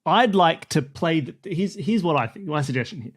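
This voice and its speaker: A man's voice: on the high side, animated, moderate pace. A man as a podcast panel guest, playful and jokey. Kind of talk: casual podcast banter.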